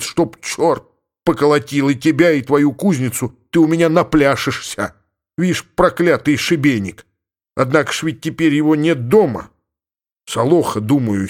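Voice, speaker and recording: A man's voice: a little high, close to an everyday voice. A man voicing a sly, stubborn older village cossack who grumbles and mutters to himself with comic indignation.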